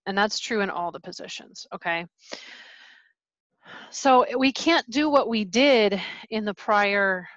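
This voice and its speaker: At home with her pet dogs nearby, a woman walks through a chemistry lesson on a screen recording, chatting casually as she explains. Her mid-range voice has a fairly bright tone, and the muffled audio carries no room sound.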